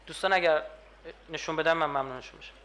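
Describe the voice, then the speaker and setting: A man's voice: fairly high pitch, sharp tone. A man giving a religious lecture to a live audience, emphatic and firing rhetorical questions at his listeners.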